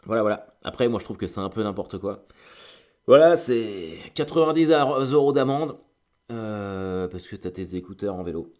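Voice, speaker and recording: A man with a deep, low voice tells a rambling everyday anecdote in a relaxed, chatty way. He wanders off on tangents, piles up little fillers, and slips into quick bits of acted dialogue. He sounds like a regular host talking straight to his audience. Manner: chatty, digressive, full of fillers and acted quotes. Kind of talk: casual storytelling monologue.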